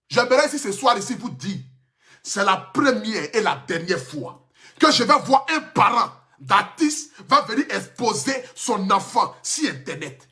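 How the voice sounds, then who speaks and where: A man's voice: very high voice, pushed and bright. A man with an Ivorian French accent giving an emphatic, impassioned live stream rant into his phone. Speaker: social media personality.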